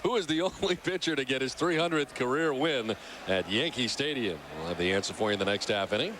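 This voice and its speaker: A man's voice: medium pitch, lively intonation, brisk, noisy background. A man calling a baseball game live as play-by-play announcer. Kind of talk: live sports commentary. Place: baseball broadcast booth.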